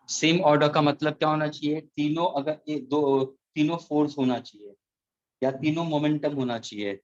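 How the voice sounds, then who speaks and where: A man teaching physics in an online class, switching between Hindi and English and repeating phrases slowly for dictation. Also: on the high side, muffled recording.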